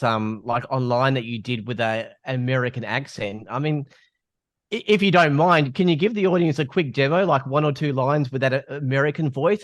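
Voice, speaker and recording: Male podcast host, mid-pitched, dry close mic, upbeat questioning. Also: no room sound. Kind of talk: interview questions.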